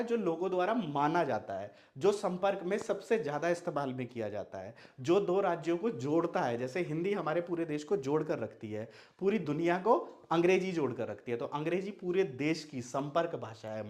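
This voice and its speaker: Speaking at a normal speed, this young man has a highish, darkish voice with lively intonation. He is a native Maithili speaker from Madhubani, Bihar, India, giving an explanatory online Hindi lesson where he asks his own questions and answers them.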